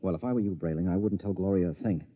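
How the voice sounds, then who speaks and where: An actor playing a take-charge suburban husband in a 1950s radio drama, emphatic, wry and sentimental. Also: male voice, sits low, rapid-fire, no room sound. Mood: amazed, brisk. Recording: dull dry vintage radio recording.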